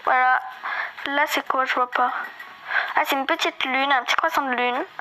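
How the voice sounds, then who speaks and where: A woman's voice: high-pitched, fairly even intonation, moderate pace, bright, forceful tone, slight background noise, low-quality recording. A woman giving a casual, hesitant game walkthrough, full of fillers and restarts, with a slight lisp. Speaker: gaming video creator.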